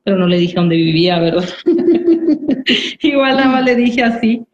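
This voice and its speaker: A woman's voice: on the high side, expressive, unhurried, a little hiss or hum. A woman giving an earnest personal church testimony, repeating phrases and often asking "¿verdad?". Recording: roomy, dull recording.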